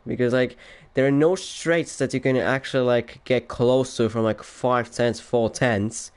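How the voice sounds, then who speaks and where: This racing league commentator is a young man from Poland whose Polish accent carries a Finnish mix, and he is tired after a sleepless night. Speaking at medium pitch with a steady, smooth tone and measured pace, he chats casually over a voice call before calling a race. He rambles, laughs a lot, and drifts off quietly at the ends of thoughts.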